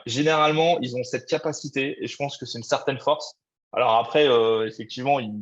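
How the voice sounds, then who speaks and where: Man, mid voice, halting webinar speaker, lo-fi audio. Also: mid-range voice. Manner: hesitant, many fillers and restarts. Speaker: export expert speaker. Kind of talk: webinar talk.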